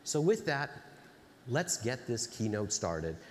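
A man's voice: mid-range voice, slow pace, slight background noise. Sincere middle-aged man opening a keynote. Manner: grateful, sincere, lively intonation. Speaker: executive introducing the keynote. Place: large conference stage. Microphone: lapel mic. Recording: long hall reverb, faint crowd ambience.

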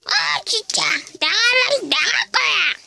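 A performer voicing a grumpy, foul-mouthed little pet dog that whines and shouts in exasperation, in a homemade comic voice-over. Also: extremely high pitch, big pitch swings, slow, gravelly, a crowd in the background, full character voice. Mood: whiny, irritated. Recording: noisy home recording.

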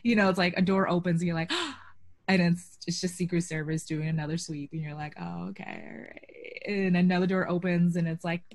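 A young Boston woman with a lowish voice talks a little fast in a casual, chatty way, with many "um"s and "like"s, as a guest in a video call interview. She's on a webcam in a small room at home, and there's no room sound.

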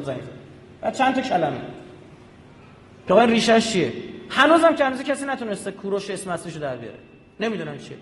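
A man giving an animated public lecture, often checking with his audience through quick rhetorical questions. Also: very high-pitched. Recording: echoey hall with long reverb.

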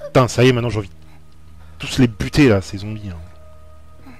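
A man's voice: mid-range voice, very fast, a little mellow, faint music behind. A young man giving casual gameplay commentary, informal, repeating himself and searching for words. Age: young adult. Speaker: let's play YouTuber.

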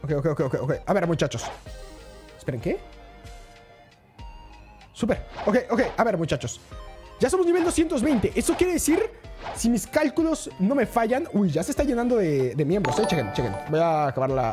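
An excitable woman streams a game live and keeps talking to her chat. Her pitch swings widely from line to line, and music plays loudly behind her. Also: a little fast. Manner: excitable, chatty, talks to chat.

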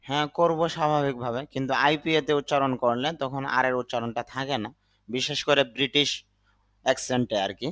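A man teaching English vocabulary, saying each word slowly, sometimes twice, then giving its meaning. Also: medium pitch, bright, forceful tone. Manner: repeats words slowly, then gives the meaning. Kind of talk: slow vocabulary lesson.

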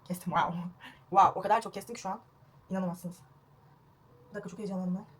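A woman's voice: mid-range voice, fairly even intonation, quick pace, husky. A young woman vlogging a home haircut, chatty and self-mocking, recorded on a phone at home. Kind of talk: casual home haircut vlog. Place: at home indoors.

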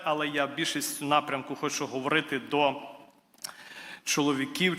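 A man's voice: fairly high pitch, sharp tone. A man preaching a sermon in church, earnest and building to emphatic declarations, addressing his listeners as brothers and sisters. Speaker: guest preacher. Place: church hall. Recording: reverberant church hall.

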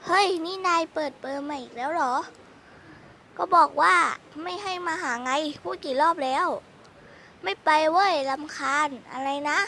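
A woman's voice: high voice, normal speed, sharp tone, slight background noise. A woman voicing an irritable, hot-headed teenage schoolboy in a one-person voice drama, snapping in annoyance. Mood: annoyed.

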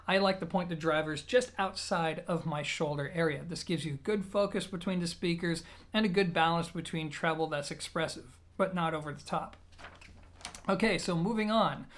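A man with a slightly high, somewhat bright voice hosts a casual, explanatory review of audio gear to camera. He's methodical and conversational, recording indoors in a small room with plain walls.

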